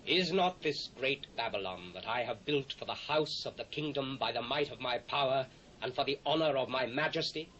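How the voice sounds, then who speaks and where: A man's voice: mid-range voice, lively intonation, moderate pace, a bit bright, natural voice. A British man playing a proud, commanding Babylonian king in a dramatised scripture recording, declaiming in a stately way. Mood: boastful. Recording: dull cassette transfer, faint hiss.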